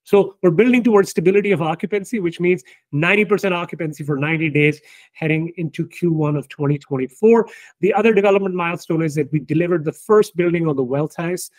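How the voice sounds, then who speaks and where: A man, the company's founder, talking through business results in an emphatic, animated way, often checking in with "right?". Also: on the high side, quick pace, no room sound. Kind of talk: casual business discussion.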